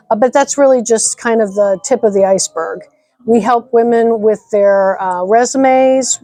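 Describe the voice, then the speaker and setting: A woman's voice: a little high, mellow, dry recording. A middle-aged woman from Nebraska, a nonprofit director, answering interview questions in an upbeat, articulate way. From Nebraska, United States. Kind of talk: interview conversation.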